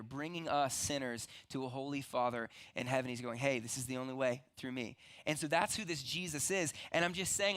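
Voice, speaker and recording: Bright-voiced man preaching earnestly. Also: on the high side. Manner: earnest, conversational preaching with many restarts. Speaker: pastor. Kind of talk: sermon.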